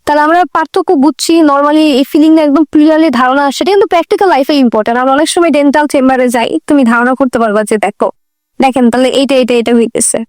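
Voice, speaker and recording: A woman's voice: high-pitched, very fast, a little mellow, no room sound, clean studio sound. A woman gives a dental lecture, repeating key points and asking rhetorical questions.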